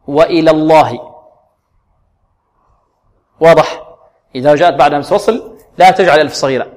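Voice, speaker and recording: A man teaching Quran recitation who asks the class questions, answers them himself, and repeats words slowly for practice. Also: fairly high pitch, in a large hall.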